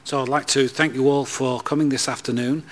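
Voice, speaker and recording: Soft-spoken man chairing a panel. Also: medium pitch, fairly even intonation, fairly quick. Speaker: session chair. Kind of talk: moderating a panel. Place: conference hall.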